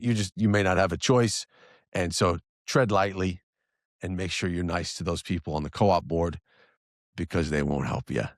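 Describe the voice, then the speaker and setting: Male podcast host, thirties, very low and dry, chatty, full of restarts and asides. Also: no room sound. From New Jersey area. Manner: conversational, frequent restarts and asides. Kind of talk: solo podcast monologue.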